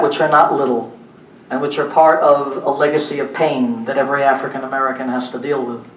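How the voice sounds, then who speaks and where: A man lectures a live audience, stressing points emphatically and asking rhetorical questions. His voice sits a little high. The room is echoey, and he sounds far from the microphone. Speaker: lecturer at a public symposium. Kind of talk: public lecture. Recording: echoey room recorded from afar, faint noise.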